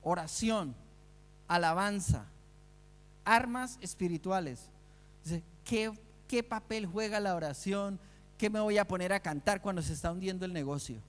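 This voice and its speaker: A man with a high voice preaches a sermon, earnest and searching, full of rhetorical questions for his listeners. His voice rings out with a long reverb trailing after it. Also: unhurried.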